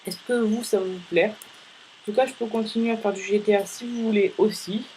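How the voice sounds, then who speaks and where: A man's voice: high-pitched, fairly even intonation, normal speed, darkish tone, slight background noise, poor audio. A male gaming host giving casual, rambling let's-play commentary, chatting playfully with viewers between tasks.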